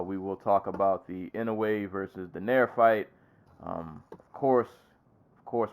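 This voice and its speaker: A man co-hosting a podcast in casual chat. He talks in a laid-back way and laughs often. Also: low-pitched. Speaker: podcast co-host.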